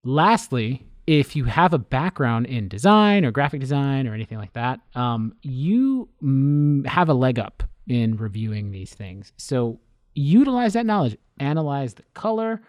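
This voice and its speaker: A man co-hosting a podcast, talking casually with dry deadpan jokes and a laid-back manner. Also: medium pitch, measured pace, dry recording. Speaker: podcast co-host. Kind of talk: casual chat.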